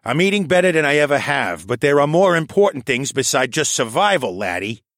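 A man voicing a shrewd, crafty old male koala archivist who talks in a knowing, animated way. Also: a little high, brisk, no echo, pitched above the performer's own voice. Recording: dry close studio sound.

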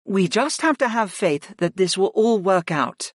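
A man voicing a steady woman who speaks in a soothing, reassuring way. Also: high voice, unhurried, dry recording, clean studio sound, voice pushed up, exaggerated voice.

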